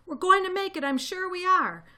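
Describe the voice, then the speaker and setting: A woman voicing a brave, fatherly male fox in a children's storybook, urging his family on in urgent shouts. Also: extremely high pitch, animated, moderate pace, pitched above the performer's own voice, heavily acted. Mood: encouraging, desperate.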